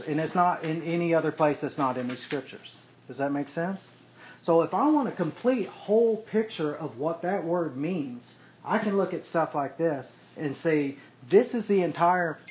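Leading a small Bible study group, a man with a fairly high voice explains things casually and step by step, often pausing to ask "okay?" His relaxed teaching is recorded in a roomy space that echoes, with a faint background noise.

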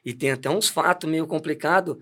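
A man's voice: on the high side, fairly quick, a bit bright. A middle-aged man, a deacon telling his life story in a casual, laughing way with many restarts. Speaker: deacon giving testimony. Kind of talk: casual testimony chat.

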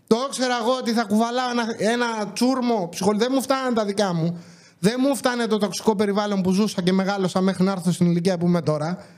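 A man hosting a podcast, telling exasperated comic stories from his supermarket job and acting out the dialogue. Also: high voice. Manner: animated, exasperated, acts out dialogue. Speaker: podcast host, supermarket worker. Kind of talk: comedic storytelling.

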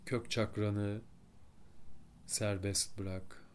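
A man leading a guided full-moon meditation, giving slow, soft-spoken breathing and relaxation instructions with long pauses. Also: fairly low pitch, little pitch movement, slight background noise.

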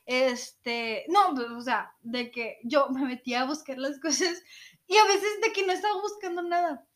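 A woman's voice: high voice, moderate pace. A woman co-hosting a podcast, telling a childhood story in casual chat, laughing often and acting out quotes. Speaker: podcast co-host.

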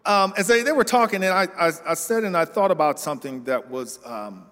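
A man's voice: high voice, expressive, brisk, fairly bright tone. A man who is a military veteran, speaking as a church panel guest in a chatty, self-correcting way. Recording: long reverb of a church hall.

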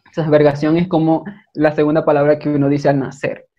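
A man from Maracaibo with a Maracucho Venezuelan accent, chatting casually as an interview guest and telling lively stories with frequent laughs. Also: fairly high pitch, brisk, highs cut off. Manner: animated storyteller, laughs often. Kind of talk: casual video-call chat.

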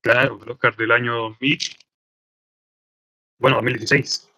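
A man's voice: medium pitch, flat delivery, moderate pace, pushed and bright, dry recording. A man with a Chilean accent hosting a casual film podcast, chatty and often trailing off in hesitations. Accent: Chilean Spanish. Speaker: podcast host. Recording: slightly dull, dry sound.

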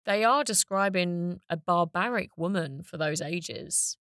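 A woman's voice: on the low side, measured pace, fairly bright tone, no room sound, studio quality. A woman podcast host delivering scripted narration. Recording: spoken over music.

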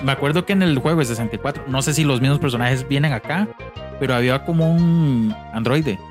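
A man with a Costa Rican accent chatting excitedly while playing retro games, slangy and tossing in English words. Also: medium pitch, fast talker. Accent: Costa Rican Spanish. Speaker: co-host. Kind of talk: casual gameplay chat. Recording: music playing behind. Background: game music.

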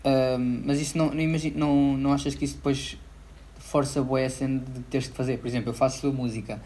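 A man's voice: mid-range voice, little pitch movement, quick pace, warm tone. A young man chatting casually as an interviewer, using plenty of slang and fillers. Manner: slangy, full of filler words. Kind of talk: casual chat.

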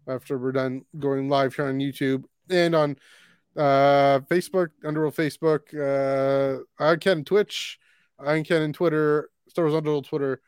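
A man's voice: fairly high pitch, fairly even intonation, normal speed, darkish tone, smooth, no echo, studio quality. A man from Canada co-hosting a live podcast in casual chat, rambling through plugs and correcting himself as he goes. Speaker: podcast co-host.

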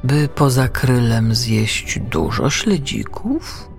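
Male narrator putting on a careful, orderly whale father; slow, creaky, animated. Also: mid-range voice, soft background music. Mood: questioning.

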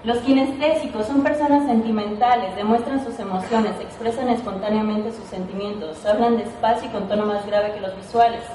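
A woman's voice: medium pitch, warm tone, a little hiss or hum. A woman giving an informal training talk to a sales team, chatty and playful, often checking in with "ok?". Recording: echoey room, mic at a distance.

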